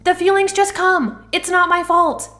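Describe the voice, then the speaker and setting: A woman's voice: sits high, lively intonation, a little slow, a bit bright, voice pushed up. A woman voicing a young firefly girl in a storybook reading, stuttering and blurting out her words in frustration. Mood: upset, frustrated. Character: young girl firefly, anxious and easily upset.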